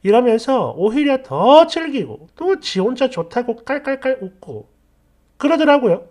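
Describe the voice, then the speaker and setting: A woman's voice: sits high, sing-song, unhurried, darkish tone. A woman narrating a first-person workplace story in a chatty, indignant, confiding way.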